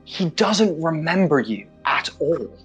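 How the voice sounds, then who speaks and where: A man's voice: on the high side, big pitch swings, slow pace, fairly bright tone, slightly rough, soft background music. Casual male game master. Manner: casual, descriptive, with fillers. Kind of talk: narrating a tabletop game.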